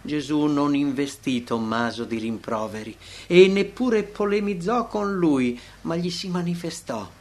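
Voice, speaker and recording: A man reading a devotional text aloud in scripted narration, expressive, with emphatic rises and slowed phrases. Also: a little high.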